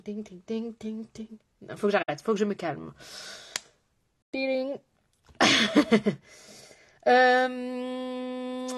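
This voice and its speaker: A woman with a French accent, a makeup artist chatting casually through a live tutorial, greeting viewers and joking about herself. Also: a little high. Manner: chatty, greets viewers, self-mocking asides.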